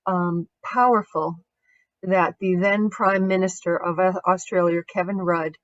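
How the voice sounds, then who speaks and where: A woman coach leading an online grief course, calmly guiding breathing and reading passages aloud over a video call. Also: lowish voice, lo-fi sound.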